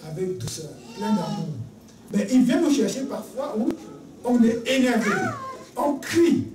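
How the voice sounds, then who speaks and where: A preacher giving a sermon, addressing listeners as beloved and laying out points one by one, often dropping soft and quiet on key words. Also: mid-range voice, big pitch swings, unhurried, background noise. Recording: echoey room, voice heard from a distance.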